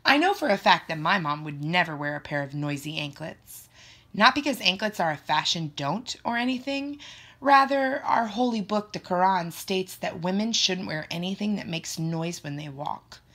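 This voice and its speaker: A woman narrating a first-person children's story in an expressive, playful way. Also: fairly low pitch, normal speed. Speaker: audiobook narrator.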